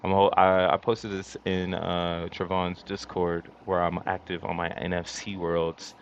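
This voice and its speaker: Male crypto bro streamer, low voice, slangy casual hype, muffled mic. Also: flat delivery, moderate pace. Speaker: livestream host. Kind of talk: casual crypto commentary to a live chat. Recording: dull lo-fi mic with faint background noise.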